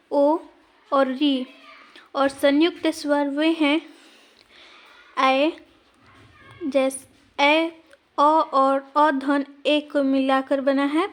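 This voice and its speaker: Slow, high-pitched woman teaching grammar. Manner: slow, deliberate explaining, pointing to written examples. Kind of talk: exam-prep grammar lesson.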